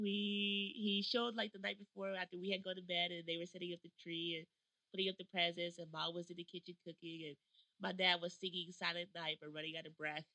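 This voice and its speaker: A young woman co-hosting a podcast, telling stories in a giggly, animated way. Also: fairly low pitch, vocal fry, dry recording, poor audio. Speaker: podcast co-host. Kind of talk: casual chat. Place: South Korea.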